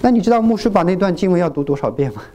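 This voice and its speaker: An animated pastor from China preaches a sermon at a very fast clip in a mid-range voice, questioning the congregation and acting out the words of churchgoers. There is slight background noise.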